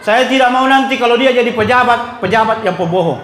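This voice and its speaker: A man's voice: very high-pitched, fast talker, a bit bright, slight background noise. A middle-aged man with a South Sulawesi Indonesian accent, preaching at a religious gathering in a joking, storytelling way and putting questions to the audience. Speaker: Islamic preacher. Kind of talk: humorous sermon with anecdotes. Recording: echoey hall with audience murmur.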